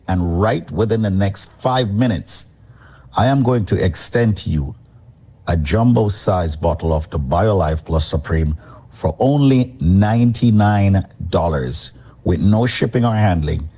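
A man from Jamaica, a company chairman, delivering an energetic on-air sales pitch. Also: breathy edge, muffled recording.

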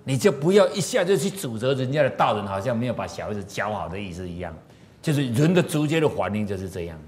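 Man, lively teacher, tells parables, quizzes the room, swooping mid-pitch voice. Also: quick pace. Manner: animated, asks the audience questions. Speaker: moral teacher. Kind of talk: storytelling lecture to an audience.

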